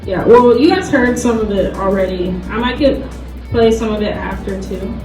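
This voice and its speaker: On a roomy, distant mic with loud music in the background, a woman gives an informal panel presentation. She speaks at normal speed and a medium pitch, keeping things loose and conversational with frequent "like" and small laughs.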